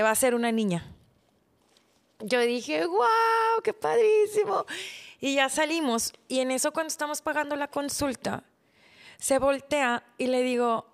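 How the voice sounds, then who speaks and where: A woman in her thirties tells her own story on a podcast. She acts out conversations with lively energy, then drops to a hushed, soft voice for the hard parts. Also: high-pitched, unhurried, long pauses, clean tone. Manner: animated, acts out dialogue, trails off softly when recalling illness. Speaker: podcast host. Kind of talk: personal storytelling.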